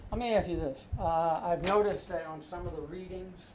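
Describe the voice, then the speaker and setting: Recorded from afar in an echoey room with faint noise, an older man's high-pitched voice moves at a moderate pace through a classroom lecture. He explains pronunciation step by step, often asking "right?"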